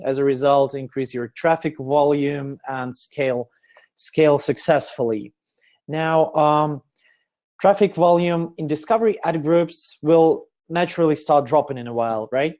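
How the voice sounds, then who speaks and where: A man presenting an online webinar, explaining step by step with many fillers, his voice getting hoarse. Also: a little high, a little mellow. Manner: explanatory, step-by-step, with frequent fillers and throat clearing.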